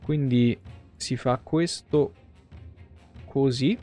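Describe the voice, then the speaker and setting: Speaking extremely slowly in a dark, mid-range voice, a man in his thirties gives casual live game commentary. He streams from a small room at home with game music playing, using crude slang and swearing freely.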